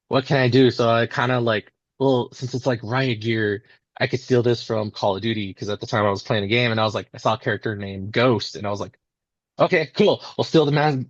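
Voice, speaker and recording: A man with a mid-pitched voice talks casually as an interview guest. He rambles enthusiastically and slips into quoted asides. The sound is dry and a little dull. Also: no room sound. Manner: rambling storytelling, acting out imagined quotes. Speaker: independent pro wrestler being interviewed.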